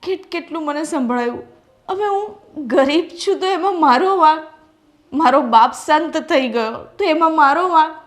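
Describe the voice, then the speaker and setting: An actress playing a young bride from a poor family who pleads and defends herself through tears in a family drama. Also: female voice, a little high, steady tone, a little slow, pauses often, soft background music, natural voice. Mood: tearful.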